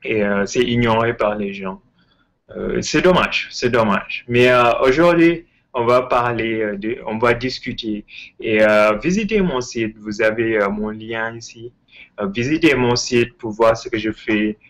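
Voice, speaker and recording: A man's voice: medium pitch, a little slow, fairly bright tone, low-quality recording. A man with an English-tinged French accent giving an enthusiastic casual history talk as host, hesitant, full of fillers and repeated words. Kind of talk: casual spoken lecture. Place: Ontario, Canada.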